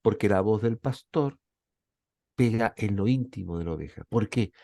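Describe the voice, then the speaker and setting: A man's voice: lowish voice, normal speed, vocal fry, mellow, no echo, clean studio sound. A man with an Argentine accent giving a reflective Bible lecture as a professor, often checking in with his listeners. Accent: Argentine Spanish.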